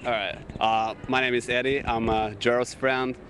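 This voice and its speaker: A man's voice: medium pitch, flat delivery, normal speed, fairly bright tone. Albanian-accented man chatting outdoors. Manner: many fillers, "you know" and "uh". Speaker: co-host. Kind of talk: casual talk show chat. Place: outdoors in a city park. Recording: faint outdoor city noise.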